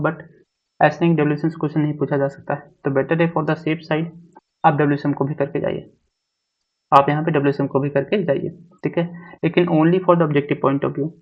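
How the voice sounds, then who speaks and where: A man's voice: fairly high pitch, dull audio. A male exam coaching teacher walks through a syllabus, repeating each point and mixing English technical terms into his talk. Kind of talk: syllabus walkthrough lecture.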